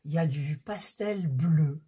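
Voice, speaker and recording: Low, mellow, and husky, her voice takes its time as she goes through a casual haul. The vlogger chats to viewers, unpacking her purchases and playing with them as she speaks.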